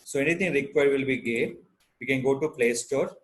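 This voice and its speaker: A man's voice: medium pitch, fairly quick. Indian man with a Telugu accent, giving a tutorial. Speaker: tutorial presenter. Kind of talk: unscripted step-by-step software tutorial.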